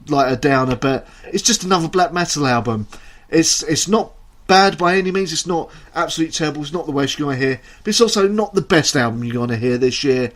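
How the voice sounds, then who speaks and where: A man with an Essex accent giving a casual, rambling, self-deprecating album review straight to camera. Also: mid-range voice. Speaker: music reviewer.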